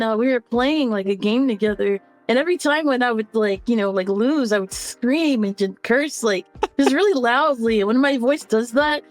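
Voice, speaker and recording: A young woman with a strikingly high, boyish voice chats casually as a podcast guest. She giggles often and answers with easy warmth. Soft music sits faintly under the talk. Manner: giggly, quick to laugh, youthful boyish voice. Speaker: voice actor guest.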